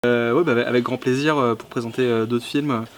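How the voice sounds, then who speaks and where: Interviewed at a film festival, the young southern French director stumbles through answers with plenty of fillers and restarts. He speaks at a medium pitch in a steady tone.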